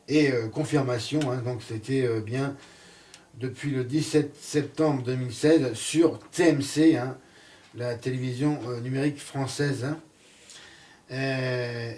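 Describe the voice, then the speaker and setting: A man's voice: mid-range voice, a little mellow, recorded from a distance. A man giving a casual spoken series review, hesitant and full of fillers and restarts.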